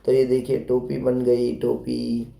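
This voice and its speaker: A man's voice: medium pitch, monotone, slow, vocal fry, dark tone, roomy sound. A man explaining a children's textbook lesson, patiently spelling words out letter by letter. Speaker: teacher.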